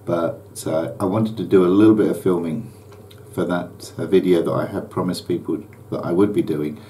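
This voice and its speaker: An older man with a low, warm, mellow voice chats easily to the camera. He rambles a little with ums and uhs as he catches viewers up on his flying. There is a faint hiss behind him. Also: normal speed. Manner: relaxed and chatty, with many ums and uhs. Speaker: private pilot vlogger. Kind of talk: casual vlog chat.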